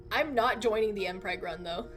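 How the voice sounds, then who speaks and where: A woman chatting casually on a game livestream in a hyped, slangy gamer manner, exclaiming and giggly. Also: mid-range voice. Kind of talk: casual, excitable gaming livestream chat.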